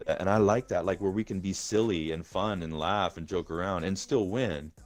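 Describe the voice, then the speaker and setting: Low-voiced, rambling, profane man. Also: normal speed. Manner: rambling and profane, with many restarts. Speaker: gaming community leader. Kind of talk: casual voice-chat talk.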